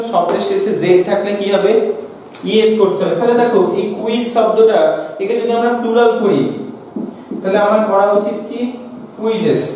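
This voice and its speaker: A man's voice: sits high, dark tone, a little hiss or hum. A man with a Bengali accent teaching a grammar lesson, asking his students questions and then answering them himself. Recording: echoey room from far off.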